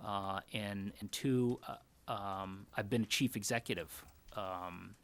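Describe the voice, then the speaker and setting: A man from Connecticut answering interview questions in an earnest, measured way as a job candidate. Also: on the low side, a bit bright. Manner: earnest, measured, thinks aloud. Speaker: job candidate for town manager.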